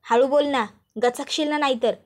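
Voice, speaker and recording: A woman's voice: high-pitched, fairly even intonation, moderate pace, natural voice. A woman voicing an arrogant, scheming young wife who taunts and orders the family around. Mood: gloating, bossy. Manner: taunting, commanding, shouting insults.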